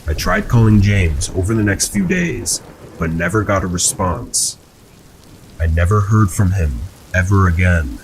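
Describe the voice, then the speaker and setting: A man narrating first-person horror stories in a calm, even, scripted storytelling manner. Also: low voice, slight background noise, low-quality recording. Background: rain sounds.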